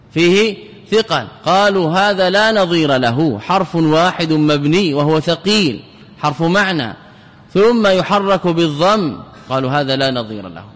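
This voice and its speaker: A man's voice: a little high, fairly bright tone. A man teaching as a sheikh, with a slightly raised voice that rings out through the long reverb of a large hall. He asks rhetorical questions and answers them himself. He drags out and repeats key words for his students. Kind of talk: classical Arabic grammar lecture.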